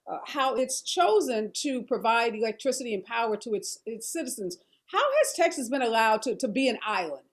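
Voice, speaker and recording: A woman's voice: on the high side, darkish tone. An American woman hosting a news-style talk show, presenting reports and questioning guests. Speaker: host. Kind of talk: scripted news-style narration and panel hosting.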